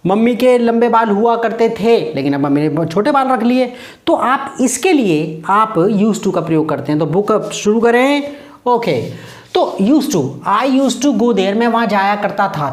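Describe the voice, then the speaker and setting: A man's voice: sits high, reverberant. A man teaching an English grammar lesson to students, patiently repeating key words and quizzing them.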